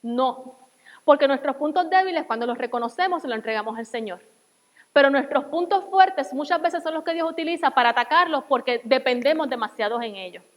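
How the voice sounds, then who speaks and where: A woman preaching as a guest speaker, giving an earnest personal testimony that drops to soft, quiet passages. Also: high voice, expressive, fairly quick, in a large hall, rough recording. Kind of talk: sermon.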